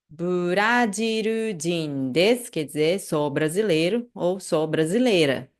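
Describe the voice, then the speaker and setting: Speaking in a mid-range voice, a Brazilian Portuguese-accented woman leads a language lesson online, going over phrases slowly and patiently while making sure the listener is following.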